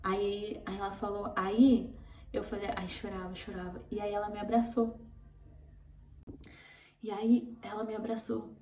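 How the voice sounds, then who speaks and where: A woman's voice: medium pitch, flat delivery, a little slow, long pauses, a little mellow. A Brazilian woman vlogger telling an emotional personal testimony, earnest and tearful, repeating words for emphasis. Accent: Brazilian Portuguese. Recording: roomy, distant from mic.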